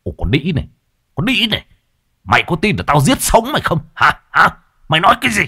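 A man's voice: a little high, huge pitch swings, a little fast, sharp tone, breathy edge, dry recording, studio quality, voice pushed up, full character voice. A man voicing a brutal, coarse village husband, barking threats and curses. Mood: menacing.

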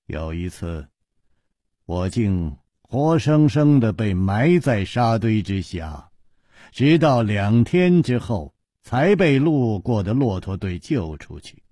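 A man's voice: very animated, takes it slowly, dark tone, dry recording, clean studio sound, full character voice. A man voicing a proud but crippled wealthy man who speaks with weary, bitter restraint. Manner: low, subdued, bitter wry tone.

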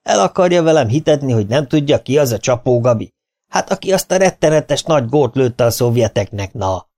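A man voicing an excitable elderly father who theatrically haggles over a car. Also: mid-range voice, pitched above the performer's own voice. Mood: indignant. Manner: theatrical, indignant salesman's pleading.

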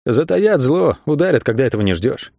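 A man voicing a calm, firm young acrobat who argues steadily. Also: mid-range voice, fairly quick, vocal fry, no room sound, studio quality. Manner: steady and persuasive.

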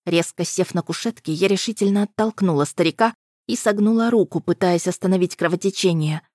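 Female audiobook narrator, low-pitched, dry close-miked sound. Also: a little fast, a little mellow, no room sound. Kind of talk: first-person audiobook narration.

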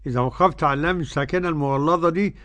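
An older man with an Egyptian Arabic accent teaching Quran readings, explaining the rules quickly and reciting verses slowly and drawn out. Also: a little high, a bit bright.

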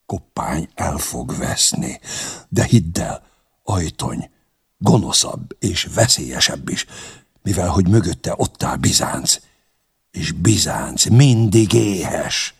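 Man doing a sly warlord, teasing, wry, gravelly, husky, lively pitch. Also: full character voice. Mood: earnest. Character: sly, jovial middle-aged male warlord, newly baptized.

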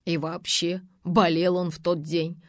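A woman reading aloud, voicing a gruff, scornful old man who defends his son. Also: fairly low pitch, flat delivery, measured pace, dry recording, clean studio sound, lightly acted. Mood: gloomy.

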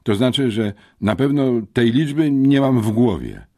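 A high, squeaky teenage muscle-boy, whiny and slow on the uptake, as a man reads him in an audiobook. The voice jumps well above a grown man's pitch and swings up and down a lot, with a husky edge. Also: animated, a little mellow. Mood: sulky. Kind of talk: audiobook character voice.

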